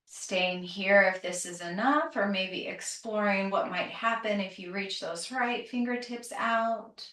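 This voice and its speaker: A woman yoga teacher leading a calm grounding exercise, gently and soothingly cueing breath and movement. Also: medium pitch. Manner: gentle, soothing, unhurried instruction. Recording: roomy echo, distant microphone.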